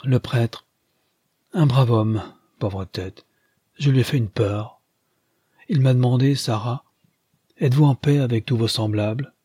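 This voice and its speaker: A man's voice: medium pitch, unhurried, long pauses, dark tone, slightly rough, no echo, clean studio sound. A man reading as a dying, theatrical former actress. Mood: bitter. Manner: commanding, theatrical. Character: dying proud woman, former tragic actress.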